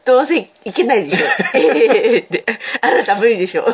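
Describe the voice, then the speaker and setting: A woman's voice: on the high side, very animated, fairly quick, slightly rough. Teasing woman co-hosting a podcast. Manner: teasing, frequent back-channel replies. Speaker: co-host, the host's wife. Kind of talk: casual chat. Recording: dull lo-fi home recording.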